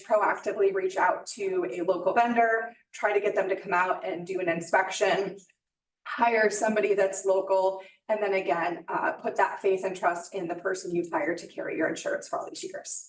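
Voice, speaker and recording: An American woman speaking as a township spokesperson, giving an informal, plain-spoken public service advisory and explaining things step by step. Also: mid-range voice. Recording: roomy, echoey, distant microphone.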